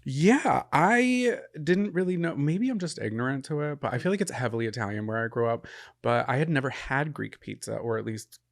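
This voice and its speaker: A young man co-hosting a podcast in casual chat, trading wry, joking banter, recorded on a close boom-arm microphone in a small indoor studio room. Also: animated, fairly quick, gravelly. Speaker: podcast co-host.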